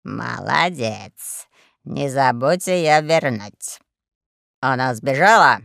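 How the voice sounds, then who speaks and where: A performer voicing a fat, lazy alien overlord who speaks in a slow, low drawl, in an audiobook. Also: expressive, creaky, a bit bright, dry recording, studio quality, full character voice. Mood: lazy menace.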